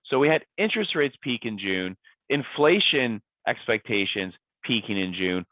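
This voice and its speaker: A man with a raspy voice, hoarse from a cold, presenting a weekly investment market update as an adviser, laying out his points emphatically and repeating key words. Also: medium pitch, expressive, moderate pace, no echo. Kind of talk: scripted-feeling market commentary presentation. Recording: dry, tinny phone-like sound.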